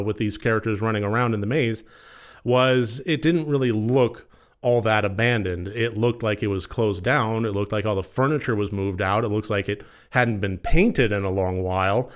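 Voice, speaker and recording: A man giving a casual, conversational film review in long, rambling, measured sentences. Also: lowish voice, clean tone.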